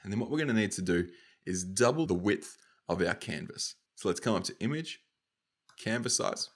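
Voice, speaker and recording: A young Australian man with a slightly nasal, stuffy voice, casually talking through a software tutorial step by step. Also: on the low side, lively intonation, normal speed. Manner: casual, upbeat, talks through each click. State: nasal from hay fever. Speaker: motion design tutor.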